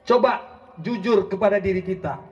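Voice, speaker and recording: A man preaching an impassioned sermon, rousing and often shouting as he addresses his listeners directly. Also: high voice, fairly even intonation, normal speed, soft background music. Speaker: preacher and legal consultant. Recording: dull lo-fi recording.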